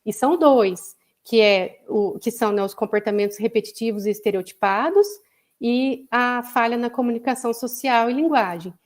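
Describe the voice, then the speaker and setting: A psychologist appearing as a guest speaker on an online live broadcast gives a conversational lecture in a Brazilian Portuguese accent. Her voice is a little high and darkish, at a normal speed, and she explains patiently, frequently tagging sentences with "né?".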